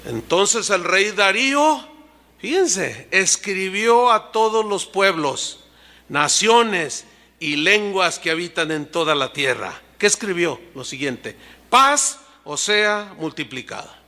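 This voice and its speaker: Man pastor, animated storytelling sermon, high pitch, bright forceful tone. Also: slow pace. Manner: animated storytelling, acting out scenes.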